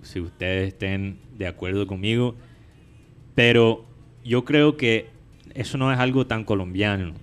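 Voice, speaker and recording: Male host, native English speaker, slightly low voice, halting, repetitive phrasing, casual opinionated discussion. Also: clean tone. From United States. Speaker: show host.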